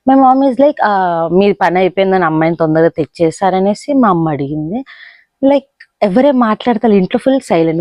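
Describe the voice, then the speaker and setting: A woman's voice: medium pitch, darkish tone, dry recording. A young woman telling a personal story in casual vlog style, chatty and sprinkling in English and "bro". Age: young adult. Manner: chatty, mixing English into Telugu, fond of "like" and "bro". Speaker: vlogger.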